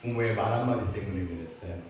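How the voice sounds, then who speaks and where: A man preaching a sermon as pastor, animated, acting out parents' words and leading the congregation in call-and-response. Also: on the low side, quick pace. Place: large church sanctuary. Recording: echoey church hall, distant mic, faint noise.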